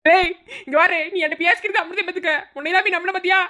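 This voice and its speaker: A woman's voice: extremely high pitch, fairly even intonation, quick pace, bright, forceful tone. A woman voicing a fussy old village grandmother in a cartoon, with a Madurai accent, scolding and wailing dramatically. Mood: nagging. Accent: Madurai Tamil.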